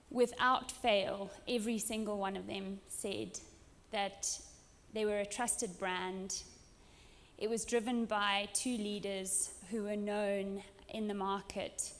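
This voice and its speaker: A woman from Zimbabwe giving an earnest, emphatic keynote speech at a conference, with some ums. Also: mid-range voice. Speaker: conference speaker. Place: conference hall. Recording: hall reverb.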